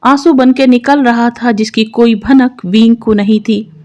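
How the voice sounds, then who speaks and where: A woman narrating a fan fiction story aloud in a steady, expressive reading. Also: a little high, unhurried.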